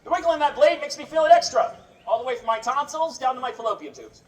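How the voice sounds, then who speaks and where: This high-pitched, fast-talking sword swallower jokes with a festival crowd, delivering comic stage patter full of wry showman banter for onlookers. Crowd noise fills the roomy, distant-mic recording.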